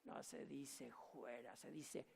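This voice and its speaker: A man voicing a mocking, pedantic unclean spirit in a sermon story, dragging each word out slowly. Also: medium pitch, fairly even intonation, creaky, bright, forceful tone, exaggerated voice. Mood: scolding. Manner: very slow, drawn-out words.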